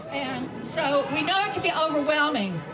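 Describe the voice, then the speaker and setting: A woman's voice: sits high, animated, normal speed, music in the background, poor audio. A woman giving an emphatic, rousing rally speech to a crowd, repeating phrases for effect. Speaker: rally speaker and community organizer.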